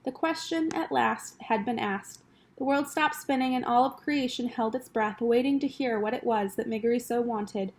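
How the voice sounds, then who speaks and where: A woman teacher reading a children's novel aloud, expressive and speaking directly to the listener. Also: fairly high pitch, normal speed. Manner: expressive storytelling, addresses the reader directly.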